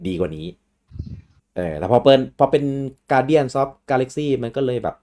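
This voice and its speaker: A man hosting a casual gaming chat, relaxed and rambling with fillers and restarts. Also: medium pitch, measured pace. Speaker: host.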